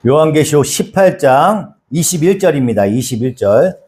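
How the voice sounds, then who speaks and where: High-voiced pastor preaching casually. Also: male voice, animated, normal speed, a little mellow. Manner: conversational preaching with acted-out quotes and repetition. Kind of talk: sermon.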